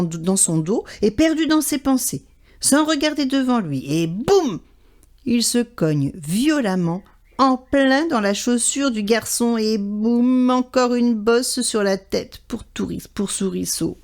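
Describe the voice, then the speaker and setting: A woman telling a children's story aloud in an expressive, animated way. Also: mid-range voice.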